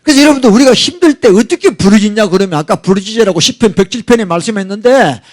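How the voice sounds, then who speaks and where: A middle-aged man preaching with fervor, his fairly high voice leaping up and down as he stresses each point. He is a pastor leading a prayer sermon and now and then cries out loud in prayer. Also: animated, fast talker. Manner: impassioned, crying out in prayer.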